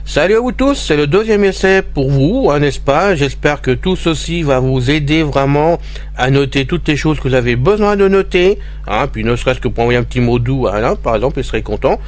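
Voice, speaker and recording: This is a man of medium pitch talking at a fairly quick clip, narrating his own actions in a casual step-by-step tutorial aimed squarely at his audience. The recording carries a faint background hiss.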